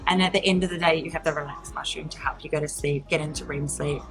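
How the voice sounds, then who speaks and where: A woman in her thirties, an entrepreneur with a New Zealand accent, speaks quickly as a guest in a casual interview. Her voice is low with fairly even intonation, she laughs often and uses many fillers, and she's heard over music in poor audio.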